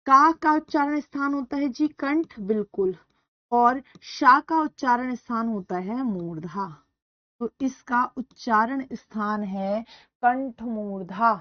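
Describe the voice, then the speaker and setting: Woman teacher running a live online class, loud and drilling, close dry mic with lo-fi sound. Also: fairly high pitch, takes it slowly, no echo. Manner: repeats questions and answers to students, calls them beta; loud speaker. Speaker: Hindi grammar teacher.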